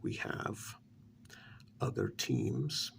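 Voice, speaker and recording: A man voices a deferential agent briefing his superior in a hushed ASMR role-play, staying fully in character. His medium-pitched, gravelly, breathy voice swoops wildly in pitch, yet the measured, halting delivery stays subdued, with slight background noise.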